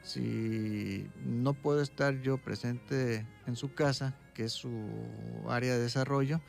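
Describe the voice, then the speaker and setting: A man, a doctor speaking as a guest expert in an interview, calmly explaining and often checking in with a quick "right?". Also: mid-range voice, gravelly, soft background music. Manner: calm, explaining, tags points with "¿sí?".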